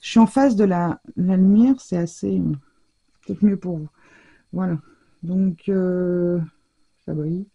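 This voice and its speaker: This home scrapbooking demo features a woman whose voice is low, dark, creaky and a bit breathy, moving at a measured pace with frequent pauses. Her casual talk is chatty and hesitant, full of fillers, with stumbles on English product names.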